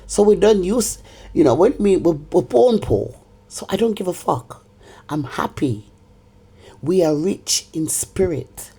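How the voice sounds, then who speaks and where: A middle-aged woman speaks straight to camera in a confrontational monologue, scolding someone who isn't there and repeating herself as she rants. Her voice is fairly low, mellow and a little breathy, with a sing-song lilt at a measured pace.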